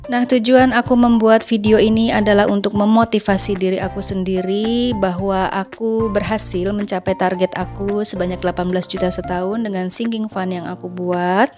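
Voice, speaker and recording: Casting: woman, friendly vlog voice-over, mid pitch, faint music underneath. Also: fairly even intonation, moderate pace. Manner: chatty, addresses viewers as friends, frequent fillers. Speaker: vlogger. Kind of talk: casual voice-over narration.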